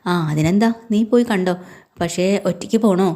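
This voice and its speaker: A woman's voice: medium pitch, moderate pace, dark tone, lightly acted. Woman playing a protective older father. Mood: concerned, advising. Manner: advising, concerned.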